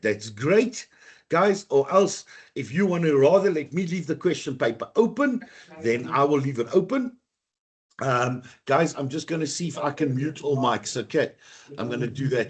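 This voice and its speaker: A man teaching an online exam-prep class over a computer mic, chatty, with a rough, coughing throat and a habit of saying "guys". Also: mid-range voice. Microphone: computer mic on a video call.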